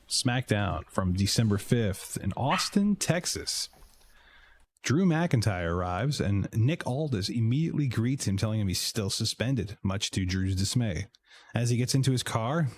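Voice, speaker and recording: A man's voice: medium pitch, darkish tone. A man co-hosting a podcast, recapping shows in a casual, jokey way, often repeating words as he starts sentences. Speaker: podcast co-host.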